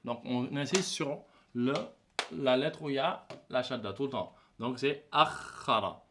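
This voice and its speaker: A man quietly taking over the explanation in a casual lesson. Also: mid-range voice, moderate pace, background noise. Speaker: co-teacher.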